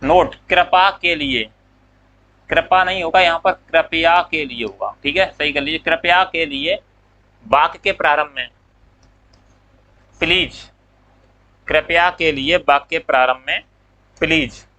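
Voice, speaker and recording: A man's voice: fairly high pitch, measured pace, long pauses, sharp tone, rough recording. A man teaching English grammar in a classroom lecture. He asks questions, answers them himself, and draws out the English words as he dictates them.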